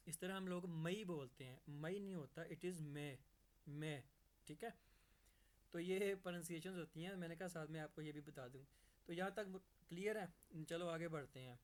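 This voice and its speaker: A man teaching English grammar in a fairly high voice. He reads each example sentence out slowly and keeps checking in with his viewers.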